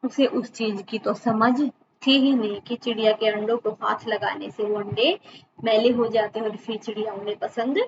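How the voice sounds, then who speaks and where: A woman's voice: a little high, moderate pace. A woman teacher explaining a schoolbook story to children, reading each sentence and then saying it again in simpler words. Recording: dull lo-fi recording with steady background noise.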